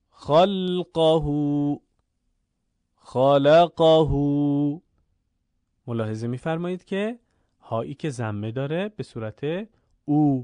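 A man teaching Quran recitation, explaining rules clearly and then chanting the examples slowly and drawn out. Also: medium pitch, mellow, no echo. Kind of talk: recorded recitation lesson.

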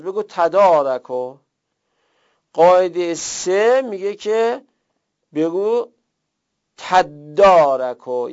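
A man's voice: a little high, creaky, a little mellow. A man teaching a grammar lesson, explaining and repeating word forms as he goes. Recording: muffled lo-fi recording.

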